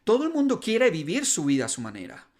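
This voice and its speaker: A man's voice: high voice, wildly swooping pitch, fast. A man hosting a podcast who preaches a sermon as an earnest story and lifts his voice to stress key points.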